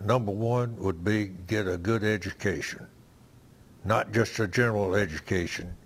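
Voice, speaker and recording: A man of about ninety with a Southern US accent, reminiscing in a rambling, halting, folksy grandpa way in an interview. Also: lowish voice, roomy sound. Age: around 90. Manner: halting, folksy grandpa storytelling with self-corrections. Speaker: war veteran interviewee.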